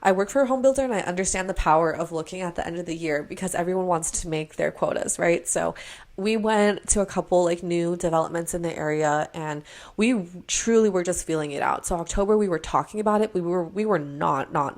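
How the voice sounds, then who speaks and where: Recorded on a camera mic in a sit-down setup, this Hawaii-born vlogger in her 20s speaks a little fast with a low, darkish tone. She chats earnestly and casually, leaning heavily on fillers like "like" and "you know."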